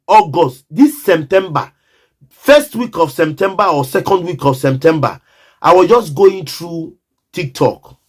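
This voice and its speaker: A Nigerian man, his voice a little high, tells a personal story in a casual monologue. He is emphatic and repetitive and often addresses the listener directly.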